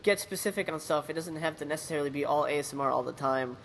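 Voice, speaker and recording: A man's voice: fairly high pitch, slight background noise, poor audio. A man hosting an interview podcast, chatting enthusiastically and often restarting his sentences. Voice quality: animated storyteller. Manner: halting and enthusiastic, many restarts. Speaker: podcast host. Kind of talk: casual interview chat.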